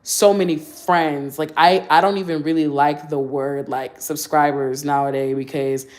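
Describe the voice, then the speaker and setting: Low-voiced woman streamer in her twenties. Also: fairly even intonation, unhurried, darkish tone. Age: 20s. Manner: candid, slangy, chatty. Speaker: livestreamer. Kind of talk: casual livestream Q&A.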